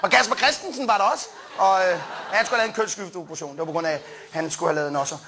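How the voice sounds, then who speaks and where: A young man doing stand-up, telling a rambling story with plenty of fillers, restarts and quick jumps into quoted voices. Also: high-pitched, background noise. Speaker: stand-up comedian. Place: comedy stage before a live audience.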